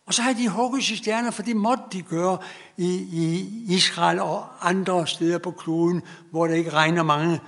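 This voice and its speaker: A middle-aged man delivers an earnest sermon with a noticeably high voice. There is a gravelly rasp under his words. He draws out the phrases he wants to land. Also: fairly even intonation, fairly bright tone. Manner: earnest preaching, drawn-out emphatic phrases. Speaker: preacher.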